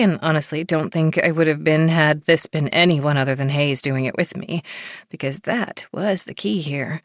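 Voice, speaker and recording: A woman with a notably low voice reads a first-person romance audiobook. Her delivery is intimate and measured, recorded dry and close with no room sound. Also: no echo. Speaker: audiobook narrator.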